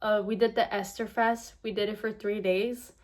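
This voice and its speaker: A woman's voice: medium pitch, flat delivery, normal speed, a little mellow. A young adult woman recording a casual storytime vlog. She retells events animatedly, acts out what others said, and uses "like" constantly. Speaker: vlogger.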